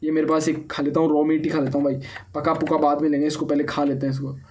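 A young man with a high voice talks through his game in casual let's-play style. He is chatty and excitable, often firing off the same word over and over. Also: fast talker, slight background noise. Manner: excitable, chatty, often repeats words in bursts. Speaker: gaming YouTuber.

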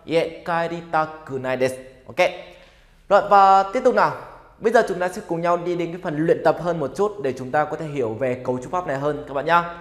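A man teaching a grammar lesson in an upbeat way, asking students questions and having them repeat sentences. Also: on the high side. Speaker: Japanese language teacher. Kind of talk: grammar lesson for Vietnamese learners. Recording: echoey room with long reverb.

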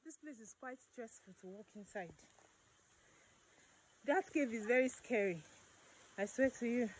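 Excitable young Nigerian woman vlogging. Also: on the high side, a little slow, slight background noise, rough recording. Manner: excitable, exclaiming, chatty. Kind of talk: casual travel vlog narration. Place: inside and around a cave and riverside outdoors.

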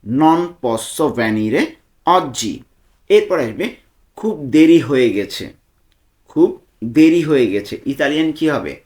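A man's voice: fairly high pitch, big pitch swings, unhurried, pauses often, darkish tone. A young man teaching a language lesson, repeating each phrase and breaking it down word by word. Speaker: language tutor.

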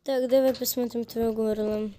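A hoarse woman voicing a brisk female doctor in a toy role-play story, giving bossy instructions. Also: on the high side, little pitch movement, warm tone, lightly acted. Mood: instructive. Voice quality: hoarse from a cold.

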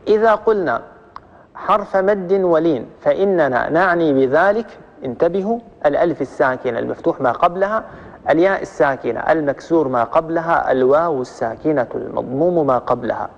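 A man with a Libyan accent teaching tajweed rules in a religious lesson, explaining step by step, repeating each rule and drawing out the example words slowly. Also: on the high side, in a large hall, lo-fi sound. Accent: Libyan Arabic. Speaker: Quran recitation teacher.

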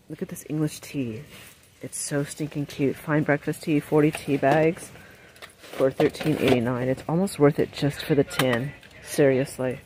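A woman filming a casual shop-with-me vlog in a large warehouse store. She chats as she goes, reads prices aloud and drops quick excited exclamations. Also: deep voice, a little hiss or hum. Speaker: shopping vlogger. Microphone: handheld phone camera while shopping.

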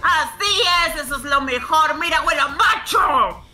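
Man playing a sharp, bright-voiced demon father. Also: very high voice, lively intonation, unhurried, soft background music, heavily acted. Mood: gloating. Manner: theatrical, gloating storyteller. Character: proud, wicked demon father, doting on his son. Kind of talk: Minecraft roleplay acting.

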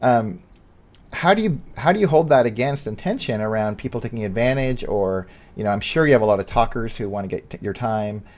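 A man hosting an interview podcast, asking long, halting questions and searching for words with many ums. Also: fairly low pitch, expressive. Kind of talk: casual interview conversation.

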